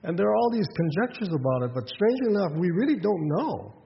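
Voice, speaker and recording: Man, pastor, sermon, slightly high voice, long hall reverb, muffled sound, faint background noise. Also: very animated, quick pace, gravelly. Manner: conversational preaching, many restarts and "um"s, rhetorical questions.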